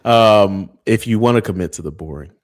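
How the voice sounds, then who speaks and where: A man's voice: fairly low pitch, moderate pace. A man co-hosting a podcast in loose, casual chat, joking and swearing freely. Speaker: podcast co-host.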